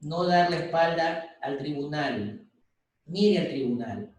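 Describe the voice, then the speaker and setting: A man's voice: on the high side, animated, slow, darkish tone. A man with an Ecuadorian Spanish accent giving an informal, advice-filled university lecture over a video call. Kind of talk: online class lecture. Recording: echoey video-call audio from far off.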